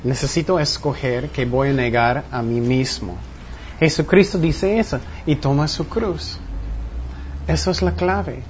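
Muffled higher-voiced man teaching a Bible study. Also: measured pace. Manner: teacherly, poses questions to the group. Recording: muffled room recording with faint noise.

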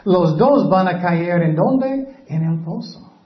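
A man preaching a sermon, reading scripture aloud and explaining it, lifting his voice for questions and dropping low on asides. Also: lively intonation, takes it slowly. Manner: rises in pitch and volume for questions and quoted lines, drops low on asides. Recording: roomy, distant, dull low-fidelity sound.

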